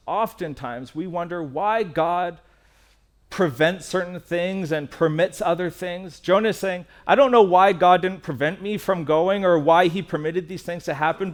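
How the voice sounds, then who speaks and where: A man delivering a sermon from a church stage microphone, his voice pitched a little high. He speaks earnestly and candidly, turning personal and repeating key phrases for weight. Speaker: pastor.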